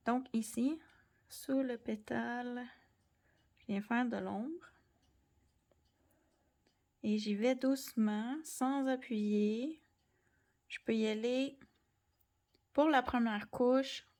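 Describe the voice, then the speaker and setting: A young woman with a Québécois French accent, gently explaining a colored pencil drawing tutorial and sometimes dropping to near-whispers. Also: a little high. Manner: gentle, soft-spoken, drops into near-whispers while drawing. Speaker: art tutorial host.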